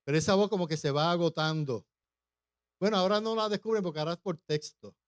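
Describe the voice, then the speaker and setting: A man's voice: high-pitched, quick pace, clean tone, no echo, clean studio sound. A male pastor preaching a humorous sermon, often putting questions to the congregation.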